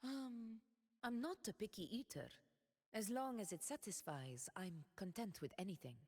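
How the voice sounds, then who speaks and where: A woman voicing Augusta, a proud and steadfast warrior ruler, speaking her game voice lines in a solemn, measured, regal way. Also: medium pitch, expressive, a little mellow, husky, long reverb tail.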